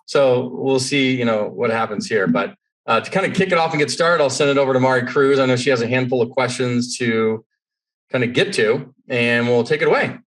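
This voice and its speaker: A man's voice: mid-range voice, fairly quick. A man hosting a casual interview, laid-back and jokey. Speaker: podcast host.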